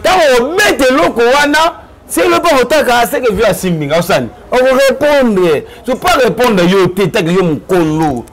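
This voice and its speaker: A man, talking in an animated, preachy way on a casual web TV show. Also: very high-pitched, a little fast. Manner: animated, preachy, mixing Lingala and French. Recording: crowd noise behind.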